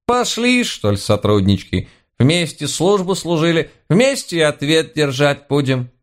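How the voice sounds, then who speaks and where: A man's voice: on the high side, very animated, a little slow, pitched above the performer's own voice. A man voicing an old woman, a shrewd, grumbling witch housekeeper, in a folksy, sly manner for a storybook. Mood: resigned.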